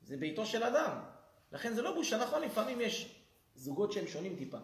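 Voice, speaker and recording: A man, a rabbi, giving a humorous lesson in a synagogue and acting out the people in his stories. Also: sits high. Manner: lively storyteller who acts out quoted people. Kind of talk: humorous sermon. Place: synagogue hall. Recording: roomy synagogue echo.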